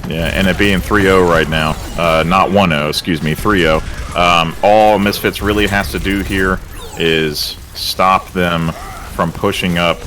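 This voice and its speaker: A man doing excitable play-by-play commentary for an esports match, with casual filler words. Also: sits low, slight background noise. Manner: excitable, gets louder and faster in big plays. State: out of breath. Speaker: esports caster.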